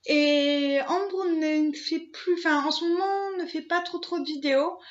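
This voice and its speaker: High-voiced young French woman vlogging. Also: unhurried, lo-fi sound. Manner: hesitant, many fillers and restarts. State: emotional, near tears. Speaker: channel host. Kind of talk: casual vlog talk to camera.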